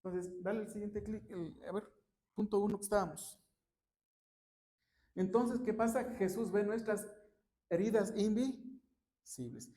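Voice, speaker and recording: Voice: medium pitch, fairly even intonation, a little slow, long pauses, warm tone. A preacher giving a conversational sermon in a church, teaching with many rhetorical check-in questions and personal anecdotes. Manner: recounts personal workshop anecdotes.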